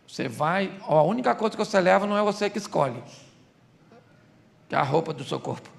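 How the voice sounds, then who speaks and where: A man's voice: sits high, expressive, fairly quick, gravelly. A man preaching a humorous sermon as a pastor, in Brazilian Portuguese, joking and asking the crowd questions.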